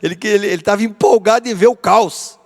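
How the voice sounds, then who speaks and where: High-voiced Brazilian pastor teaching in church. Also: male voice, fast talker. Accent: Brazilian Portuguese. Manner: animated, dramatizing, conversational with tag questions. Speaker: pastor teaching a theology course. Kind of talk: church Bible lesson. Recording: long church-hall reverb.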